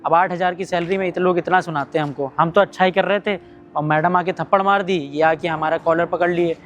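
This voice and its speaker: A man plays a humble, poorly paid security guard in a low-budget short film. He pleads fast in a high voice, always explaining himself. Faint music plays underneath. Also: fairly even intonation, a bit bright, lo-fi sound, lightly acted. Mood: complaining. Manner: pleading, complaining, submissive. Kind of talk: amateur short-film acting.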